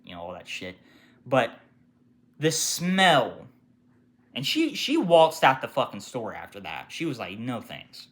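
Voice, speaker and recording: Storytime vlogger, retail worker; bright, cutting tone, profane and animated, jumps between loud outbursts and low mutters. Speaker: retail worker telling work stories. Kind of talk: casual storytime rant.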